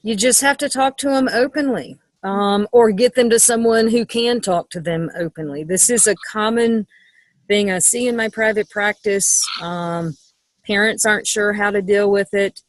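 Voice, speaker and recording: A woman's voice: mid-range voice, normal speed, no echo, low-quality recording. A middle-aged woman speaking as a sex educator in an interview, frank and matter-of-fact, with frequent ums. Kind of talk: interview conversation.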